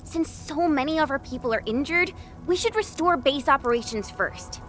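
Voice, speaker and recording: A woman's voice: high voice, expressive, moderate pace. An actress playing an upbeat, eager young woman fighter in a game. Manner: bright and eager. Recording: game audio with music.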